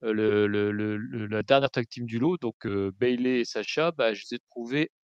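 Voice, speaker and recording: A man co-hosting a wrestling podcast, giving casual opinions with halting restarts and the odd joke. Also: mid-range voice, smooth, no echo, muffled recording. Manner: halting, repeats words, joking. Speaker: podcast co-host.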